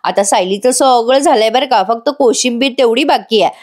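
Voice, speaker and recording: A woman's voice: a little high, brisk, darkish tone. A woman reviewing a TV serial in voice-over, retelling the episode in a chatty way and speaking straight to her viewers. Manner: chatty, addresses viewers directly.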